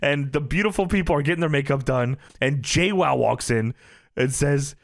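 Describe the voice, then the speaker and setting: A man's voice: mid-range voice, moderate pace, creaky, no room sound. A man co-hosting a podcast, recapping an old show in amused, profane storytelling and laughing often at a close mic. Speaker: podcast co-host.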